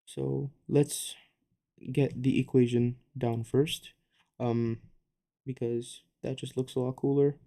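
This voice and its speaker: A young man giving a casual physics lesson at a board, relaxed, with joking asides and quick self-corrections. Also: medium pitch, vocal fry. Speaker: physics tutor.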